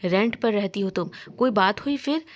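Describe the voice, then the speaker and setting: A woman's voice: medium pitch, moderate pace, natural voice. A woman voicing a worried, cautious young woman friend in a spoken storybook, talking in a fretful, scolding way.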